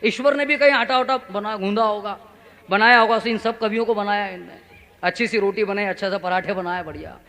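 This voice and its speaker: On stage before a live audience, a male stand-up comic poet tells humorous stories into a stage microphone. His voice is very high and bright and a little fast. He is animated, acting out the voices of the people he quotes and tossing in playful asides to the crowd.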